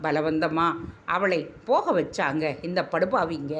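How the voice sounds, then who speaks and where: A woman's voice: deep voice, expressive, unhurried, a little hiss or hum. A woman voicing a grieving elderly grandmother who is locked away, speaking in a tearful, pleading, affectionate way.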